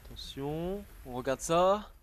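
A man recording a gaming reaction video, exclaiming loudly, swearing often and repeating his exclamations. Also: on the high side, animated, slow pace, faint music behind. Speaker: gaming YouTuber. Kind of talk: excited reaction video commentary.

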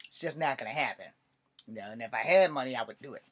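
Husky man, wry webcam monologue. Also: medium pitch, fast. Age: 40s. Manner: wry, sarcastic, swears. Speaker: vlogger. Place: cluttered bedroom, indoors. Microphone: webcam at desk distance.

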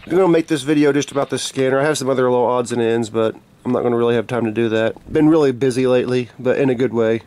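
Male hobbyist vlogger, medium pitch, informal unscripted show-and-tell delivery. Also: fast talker, hardly any pauses, darkish tone. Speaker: hobbyist video maker. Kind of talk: casual product show-and-tell. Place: small bedroom, indoors.

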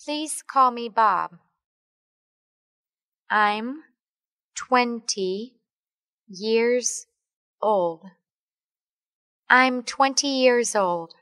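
A woman slowly reading English phrases for learners, one word at a time and then the full sentence, as a studio voice-over. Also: fairly high pitch, a bit bright, smooth, no room sound. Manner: reads each word separately, then the whole sentence. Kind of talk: slow word-by-word language drill.

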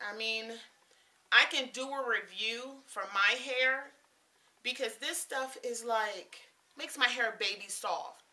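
A woman in her thirties from the southern United States gushes through a casual product review vlog, talking slowly with lots of ums. Her voice is very bright and sits a little high, and she sounds a bit distant from the mic. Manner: chatty and emphatic, with frequent ums. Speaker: beauty vlogger reviewing hair products.

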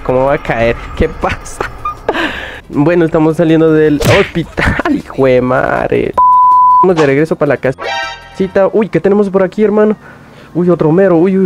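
A young man giving excited gameplay commentary, yelping and jumping high in pitch whenever something startles him. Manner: excitable, yelps "uy" constantly, laughs often, voice jumps high when startled. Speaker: gaming youtuber.

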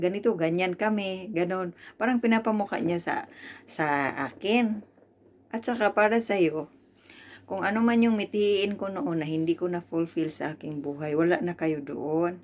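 A woman from the Philippines working in Hong Kong, retelling in an aggrieved, animated way how an acquaintance insulted her. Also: fairly low pitch. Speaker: domestic helper vlogger. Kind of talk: storytelling vlog.

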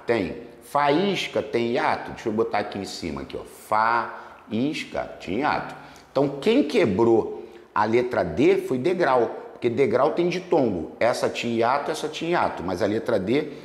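A man teaching exam grammar, working through test questions and drawing out words slowly to split them into syllables. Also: mid-range voice, reverberant, in a large hall. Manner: lively, stretches words slowly to spell out syllables.

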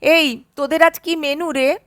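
A man's voice: very high-pitched, fairly even intonation, unhurried, fairly bright tone, no echo, clean studio sound. A woman voicing a boisterous, bossy man who gives orders and teases his old friend, in an audiobook story. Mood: teasing. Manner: commanding, teasing.

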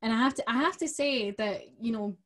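A woman's voice: a little high, a little fast. A woman in her twenties with a Scottish accent, casually hosting a conversational interview into a studio mic. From Scotland. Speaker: interviewer and host. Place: small home studio room. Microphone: microphone on boom arm, close.

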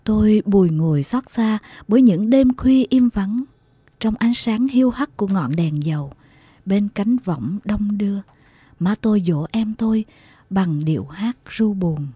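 A woman reading a heartfelt story aloud as a narrator, slow and tender in her storytelling. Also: mid-range voice, animated, dark tone, breathy edge, no echo. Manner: slow, tender storytelling with emotional acted quotes. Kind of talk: scripted audiobook narration.

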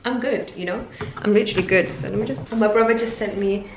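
A woman's voice: mid-range voice, a little fast, a little hiss or hum. A young woman chatting upbeat and rambling to viewers while cooking in her home kitchen. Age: young adult. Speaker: vlogger. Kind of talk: casual cooking vlog. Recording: roomy kitchen echo, faint background music.

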